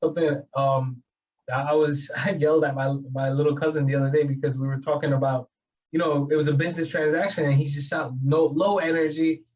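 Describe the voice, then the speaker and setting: A man from New York co-hosting a casual real estate training chat, talkative and quick to laugh. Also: a little high, recorded from a distance, muffled recording. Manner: laughs often, animated and talkative. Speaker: real estate agent co-host.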